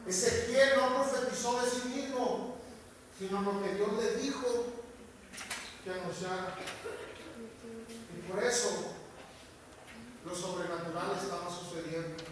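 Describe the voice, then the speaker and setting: A man preaching a sermon, building up to emphatic, rising passages as he tells a story and reads scripture. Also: high voice. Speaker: pastor. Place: church sanctuary. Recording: echoey church hall, distant mic, noisy.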